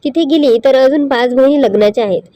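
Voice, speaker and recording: A woman's voice: high-pitched, fast, mellow, lo-fi sound, natural voice. A woman reading the lines of a young bride who is hurt and questions her husband. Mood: pondering. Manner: indignant, pained.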